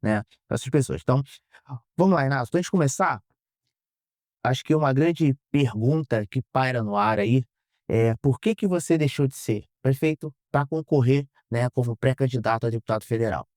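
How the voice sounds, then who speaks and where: A man's voice: mid-range voice, moderate pace, a little mellow, no room sound, clean studio sound. A Brazilian man hosting a podcast interview, asking questions conversationally and giving short affirmations. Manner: conversational, brief affirming "uhum".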